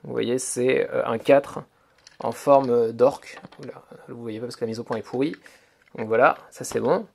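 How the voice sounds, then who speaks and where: Gravelly man demoing a toy. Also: mid-range voice, moderate pace, darkish tone. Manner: hesitant, filler-heavy explaining, "donc voilà"; talks to camera while handling a toy. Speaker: toy reviewer. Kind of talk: hands-on toy review demonstration.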